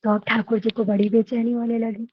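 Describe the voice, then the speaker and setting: Woman, devotional storyteller, emotive, repeating phrases, fairly high voice, dull muffled audio. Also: level tone, brisk.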